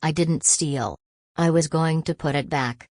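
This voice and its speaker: A woman voicing an injured twelve-year-old girl with a rasping, whispered voice. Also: low-pitched, measured pace, a little mellow, dry recording, studio quality. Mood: hurt.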